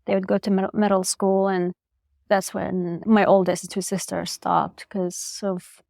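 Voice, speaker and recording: In a studio-quality recording with no room sound, a young woman from Iraq, a public health researcher whose first language is Chaldean, speaks reflectively during an interview. Her mid-range voice moves little in pitch, carries vocal fry, and keeps a measured pace. Soft-spoken, she often says "like" and restarts her sentences.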